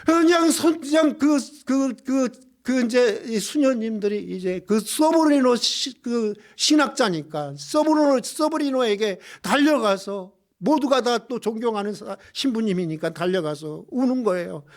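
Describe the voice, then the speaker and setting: Brief: male pastor preaching, high voice, swings from loud exclamations to hushed lows, rhetorical questions. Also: animated, measured pace, hardly any pauses. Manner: impassioned, swings between loud exclamations and hushed low passages; addresses the congregation with rhetorical questions. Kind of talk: sermon. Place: church.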